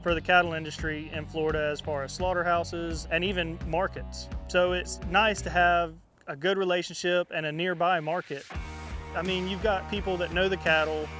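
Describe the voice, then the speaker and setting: A man's voice: high-pitched, little pitch movement, normal speed, over music. A man speaking casually and plainly in an interview as a cattle producer.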